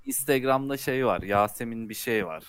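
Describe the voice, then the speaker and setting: A man talking with friends on a podcast, animated and quick to jump in with a point. His voice is bright and forward, and he laughs often as he talks. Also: medium pitch, smooth, dry recording. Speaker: podcast co-host. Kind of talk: casual podcast chat.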